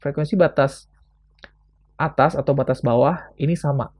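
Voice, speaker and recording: A man's voice: mid-range voice, normal speed, a little mellow. A young man from Indonesia giving a casual explanatory lesson as a student presenter, thinking aloud with frequent fillers.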